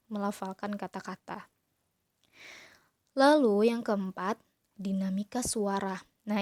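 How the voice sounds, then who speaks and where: A woman's voice: mid-range voice, warm tone, no room sound. Patient woman teacher, dry close sound. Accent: Indonesian. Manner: patient, explains step by step, addresses pupils as friends. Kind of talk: online class lesson.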